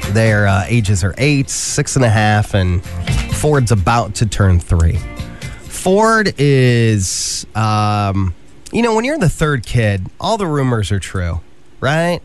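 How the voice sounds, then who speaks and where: A man's voice: fairly low pitch, big pitch swings, slow pace, faint music behind. A man in his thirties, a radio show host, chatting casually and telling self-mocking stories. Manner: easygoing storyteller, self-mocking. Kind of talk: casual morning radio chat.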